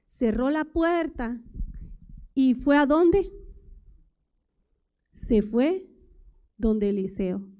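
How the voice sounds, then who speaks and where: A woman's voice: high voice, animated, drawn-out words, long pauses, dark tone, clear, resonant tone. A woman preaching a sermon at a church service, talking in a conversational way and putting many rhetorical questions to the congregation. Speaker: lay preacher.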